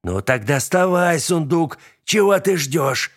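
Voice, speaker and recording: A man voicing a scheming, boastful middle-aged witch who bosses her son, with a shrill, commanding manner. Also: animated, a little slow, a bit bright. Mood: gloating.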